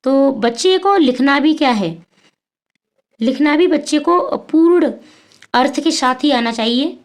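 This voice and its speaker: A high-pitched woman teaches an exam-prep lesson. She poses questions to her students and answers them herself, stopping often on fillers. She keeps the pace of a classroom explainer. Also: expressive, a little slow.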